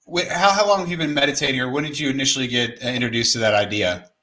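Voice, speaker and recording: A man speaking casually and reflectively in a halting way, often rephrasing as he goes. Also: mid-range voice, pushed and bright.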